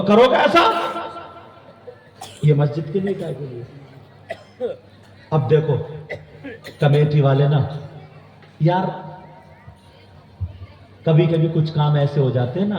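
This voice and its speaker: A man's voice: on the high side, slight background noise. Fiery preacher man, echoey hall. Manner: impassioned, swings into loud shouted peaks. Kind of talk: fiery religious sermon. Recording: distant, echoey hall, dull lo-fi sound.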